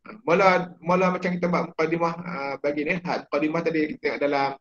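Malaysian religious teacher, man, talking students through exam prep with lots of fillers; a somewhat high voice on a muffled, lo-fi recording. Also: steady tone, fast talker. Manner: chatty, many fillers and checks.

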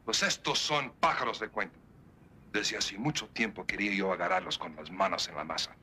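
An actor playing a stern small-town sheriff, asking curt questions and giving brusque orders in an old film. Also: male voice, low voice, normal speed, pushed and bright, a little hiss or hum.

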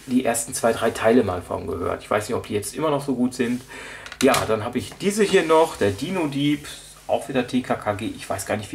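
A man with a creaky, medium-pitched voice talks informally about his audio drama collection for a show-and-tell vlog. Sitting at an indoor table out of shot, he speaks off the cuff, meandering and hesitant as he thinks aloud. There's slight background noise.

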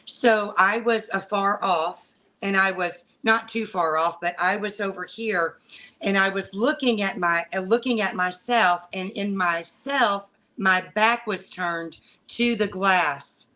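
A middle-aged woman giving a personal religious testimony in a halting way, often pausing and repeating words. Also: mid-range voice, sharp tone. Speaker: guest sharing a religious vision. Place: living room at home, video call. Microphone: video call microphone.

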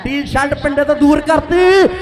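A man with a Punjabi accent giving live kabaddi commentary in a loud, dramatic, declamatory way, with rhyming praise and rallying calls. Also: very high-pitched, steady tone, moderate pace, a crowd in the background.

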